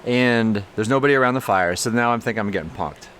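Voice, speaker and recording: Animated man telling a story. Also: fast, clear, resonant tone. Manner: animated, jumps high when acting out the story. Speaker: podcast co-host, brewery owner. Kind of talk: casual storytelling chat.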